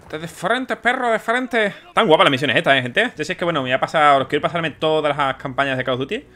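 A young man doing let's play commentary, excitable and swearing as he plays. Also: on the high side, rapid-fire. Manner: excitable, swears often, exclaims mid-game. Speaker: gaming YouTuber.

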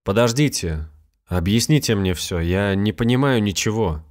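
Man voicing grieving young husband, bewildered, curt, clipped, very deep voice. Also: animated, moderate pace, darkish tone, close to an everyday voice.

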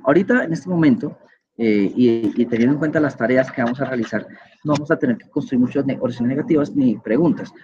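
A man's voice: mid-range voice, a little mellow, breathy edge, lo-fi sound. A man giving an online grammar lecture as a teacher, patient and explanatory, often checking in with his listeners. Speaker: English teacher.

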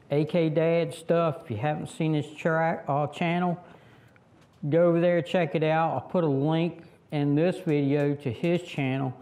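A middle-aged Southern man drawls through a tractor how-to in an easygoing, unhurried way. His voice sits a little high for a man, and he wanders and restarts with plenty of "um"s and "you know"s. He is heard outdoors under a shelter, a few steps from the camera. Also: darkish tone, a little hiss or hum. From Virginia, US. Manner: rambling, folksy, many fillers and restarts. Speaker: tractor vlogger. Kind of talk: casual how-to vlog.

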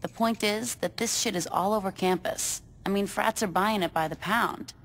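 A woman's voice: mid-range voice, moderate pace, fairly bright tone, lightly acted. A woman playing a wisecracking, laid-back young gang lieutenant in a video game, casual and flippant. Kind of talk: video game cutscene acting.

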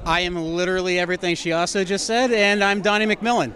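Playful high-voiced man over crowd. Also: fairly even intonation, fast talker. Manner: playful, joking. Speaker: fan film co-creator. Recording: crowd chatter at event.

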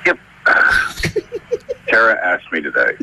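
Drunk man leaving a slow voicemail. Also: deep voice, wildly swooping pitch, sharp tone, husky. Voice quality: sultry. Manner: halting, repetitive, trailing off. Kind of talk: rambling voicemail message. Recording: voicemail with background noise. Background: noisy bar ambience.

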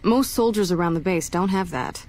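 A woman's voice: lowish voice, moderate pace, a little mellow, slight background noise, lightly acted. A woman acting a dry, no-nonsense military policewoman. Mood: matter-of-fact. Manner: wry, matter-of-fact. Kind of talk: video game dialogue.

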